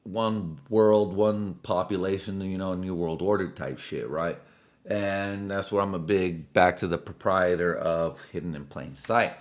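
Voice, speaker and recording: A man's voice: low voice, a little slow. A man in his late twenties on a drunk, loose, rambling casual solo rant, full of slang and swearing. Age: late 20s. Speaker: vlogger.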